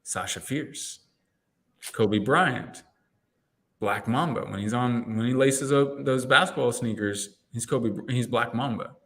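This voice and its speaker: A man talking as an interview guest and coach, telling lively stories and acting out his own inner dialogue, with frequent restarts. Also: medium pitch, measured pace. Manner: energetic storyteller, acts out quoted inner dialogue; rambling restarts and repeated words. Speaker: guest, NLP coach and entrepreneur mentor. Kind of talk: casual interview conversation.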